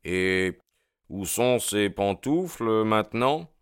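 Calm probing detective, courteous and methodical, low dry voice, read by a man. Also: takes it slowly, smooth, no echo. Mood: inquiring.

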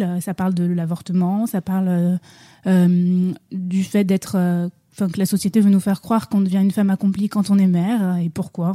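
A woman's voice: mid-range voice, mellow. A woman reviewing a film in casual podcast chat, hesitant and full of fillers. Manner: chatty, many fillers and hesitations. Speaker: film critic on a festival podcast.

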